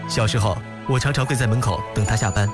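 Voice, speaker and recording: A man's voice: lowish voice, quick pace, lightly acted. An actor playing an earnest, contented coal miner and father, sincere and reflective, in a sentimental radio safety advert. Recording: loud music under the voice.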